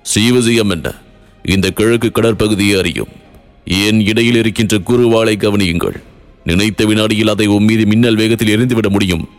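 A man voicing a young male sea commander who is calm, fearless and boastful, making cool, self-assured threats. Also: fairly low pitch, normal speed, soft background music, lightly acted. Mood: calm, confident.

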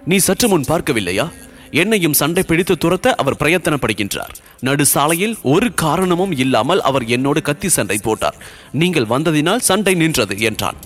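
A man reading a historical novel aloud as an audiobook narrator, voicing the dialogue with lively storytelling and dropping low and soft on the speech tags. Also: normal speed.

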